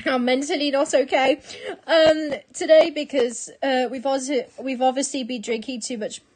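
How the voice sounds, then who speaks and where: A woman's voice: sits high, fairly even intonation, normal speed, a little mellow. A young British woman with a British accent chatting casually on a live stream, giggling often and trailing off on long filler words. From Britain.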